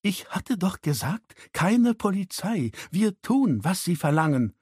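A cutting, scornful woman with a high voice, as a male narrator puts her on. She hisses short, hostile lines from a husky throat, and her contempt drags the words out slowly. It sounds like a dry, close audiobook reading. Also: big pitch swings, darkish tone, no room sound, exaggerated voice. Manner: hissing, curt, scornful. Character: sharp-tongued hostile woman, adult daughter.

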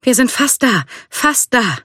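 A reader voicing a determined but tired young woman soldier in a storybook read-aloud, speaking softly. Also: medium pitch, measured pace, slightly rough, no room sound, clean studio sound. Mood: urging. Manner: tired, soft.

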